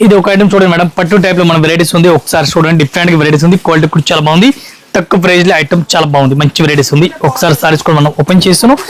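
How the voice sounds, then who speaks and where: A man's voice: on the high side, fairly even intonation, very fast, rough recording. A man showing sarees in a shop, with a repetitive sales patter. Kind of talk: product showcase pitch.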